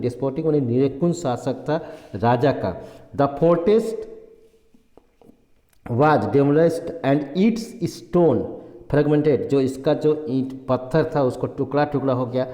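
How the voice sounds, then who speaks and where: A male teacher giving a Hindi history lesson. He reads English textbook lines slowly, word by word, and then explains them in Hindi, often repeating himself. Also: mid-range voice, dark tone, highs cut off. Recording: echoey room with long reverb.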